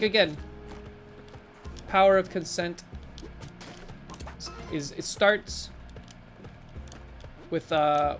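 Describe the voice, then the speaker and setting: A woman live-streaming, chatting casually with her viewers in a rambling, animated way full of fillers. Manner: animated, with sudden jumps in pitch. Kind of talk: casual live-stream chat while gaming and reading chat.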